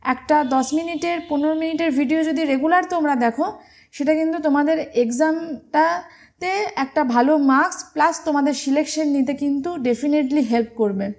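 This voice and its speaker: Woman, high-pitched, grammar lesson, patient step-by-step teacher, rhetorical questions. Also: normal speed, darkish tone. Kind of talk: exam-prep grammar lesson.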